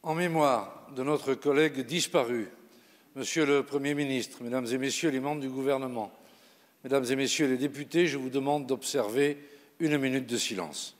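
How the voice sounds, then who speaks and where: A man's voice: mid-range voice, normal speed. Solemn man presiding in an echoing chamber. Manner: solemn, ceremonial. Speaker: presiding officer of parliament. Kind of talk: formal parliamentary announcement. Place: large parliamentary chamber, indoors. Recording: reverberant large chamber.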